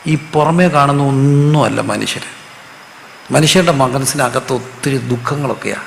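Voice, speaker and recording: A man's voice: mid-range voice, moderate pace, vocal fry. A man preaching a sermon with a Malayali accent, asking his congregation questions and repeating key phrases back to them. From Kerala, India. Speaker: pastor. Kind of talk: sermon with call and response. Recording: echoey hall with faint background noise.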